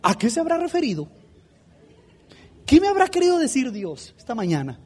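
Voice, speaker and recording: A man's voice: extremely high pitch, huge pitch swings, normal speed, darkish tone, slightly rough. A man preaching an impassioned sermon as a pastor, full of rhetorical questions.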